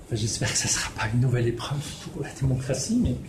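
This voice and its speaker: A man's voice: medium pitch, lively intonation, fast talker, noisy background. Hesitant man. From Netherlands. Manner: hesitant, many fillers and restarts. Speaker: researcher. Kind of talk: spoken presentation. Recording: echoey room with faint ambience.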